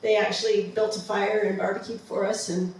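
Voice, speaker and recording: A woman's voice: mid-range voice, flat delivery, a little fast, creaky, darkish tone, a little hiss or hum. Chatty woman in a very echoey room. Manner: chatty, enthusiastic, many ums and restarts. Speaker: presenter of a travel slideshow. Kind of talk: casual slideshow talk. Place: museum presentation room. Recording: far-off mic in a very echoey room.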